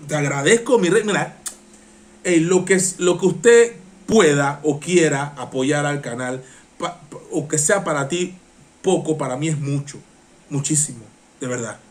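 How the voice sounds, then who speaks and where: A man's voice: fairly high pitch, unhurried. A man with a Panamanian accent hosting a live-stream reaction show, talking passionately and getting worked up. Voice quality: strains his voice. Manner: excitable, passionate, gets worked up. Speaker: live-stream political commentator.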